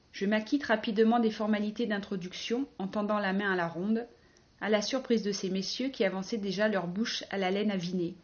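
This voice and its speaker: A woman reads a first-person novel aloud in a wry, ironic, measured way. Her voice sits at a middle pitch, and the recording is a bit dull and lo-fi. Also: darkish tone. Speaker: audiobook narrator.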